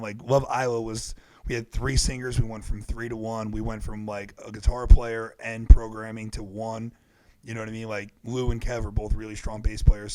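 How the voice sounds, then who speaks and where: A man's voice: mid-range voice, mellow, dry recording. A man in his thirties chatting casually as a podcast co-host, blunt and profane, laughing often. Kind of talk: casual chat.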